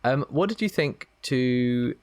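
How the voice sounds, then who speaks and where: A man from England co-hosting a film podcast, chatting in a relaxed way with dry, wry jokes. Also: medium pitch, slow pace, clear, resonant tone, no room sound. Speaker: podcast co-host. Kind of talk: casual film chat.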